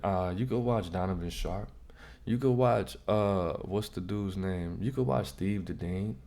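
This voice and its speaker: Low, mellow-voiced man giving slangy advice. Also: creaky. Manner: slangy, direct, advice-giving, repeats himself. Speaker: vlog host. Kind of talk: casual reaction commentary.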